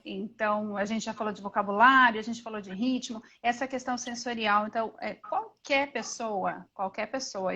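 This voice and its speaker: A Brazilian mother talks in a lively, animated way, often restarting her phrases. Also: a little high. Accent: Brazilian Portuguese. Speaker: guest, mother. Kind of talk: casual conversation. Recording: dull lo-fi audio with faint noise.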